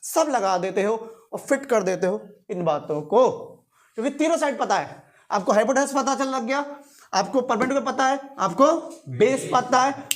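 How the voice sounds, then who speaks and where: Lively male teacher quizzing a class. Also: very high-pitched, moderate pace. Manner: quizzing students in call-and-response; repeats and stresses key terms. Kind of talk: classroom lecture.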